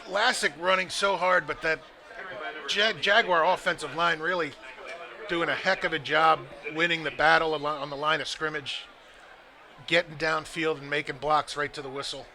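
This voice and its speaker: A man giving relaxed, chatty color commentary at a live high school football game, with joking asides. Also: moderate pace. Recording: noisy outdoor broadcast recording.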